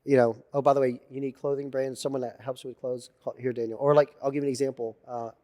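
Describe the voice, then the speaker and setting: A man telling animated stories as a guest in a casual interview, swearing freely and acting out what others said. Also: medium pitch, quick pace. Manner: animated storyteller, swears freely, acts out quotes. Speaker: podcast guest.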